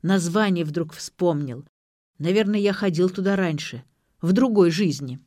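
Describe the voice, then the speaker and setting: A woman voicing a confused, meek alcoholic father who talks slowly and simply, like a child, in an audiobook. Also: on the low side, mellow, no echo, studio quality. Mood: dazed. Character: dim-witted middle-aged alcoholic father, meek.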